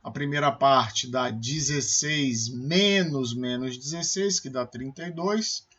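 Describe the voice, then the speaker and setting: Slow, husky-voiced man teaching calculus. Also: mid-range voice, a bit bright. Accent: Brazilian Portuguese. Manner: slow, step-by-step explaining, checks with "tá certo?". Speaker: math professor. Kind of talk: recorded calculus lecture. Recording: dull lo-fi lecture recording.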